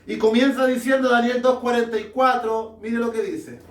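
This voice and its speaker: A man preaching a sermon to a small congregation, slow and deliberate, putting rhetorical questions to his listeners. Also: extremely high pitch, fairly even intonation. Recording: echoey room, mic far off.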